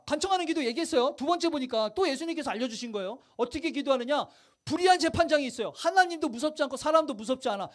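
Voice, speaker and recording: A male pastor giving a lively, conversational sermon in church, often putting rhetorical questions to the congregation. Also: extremely high pitch. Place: church sanctuary.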